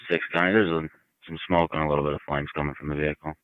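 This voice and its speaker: Give me a male firefighter radioing in urgently, very rapid and clipped, on a muffled two-way radio. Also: a bass voice, fairly even intonation, smooth, dry recording. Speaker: firefighter reporting from a scene by radio. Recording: dull, band-limited fire scanner radio.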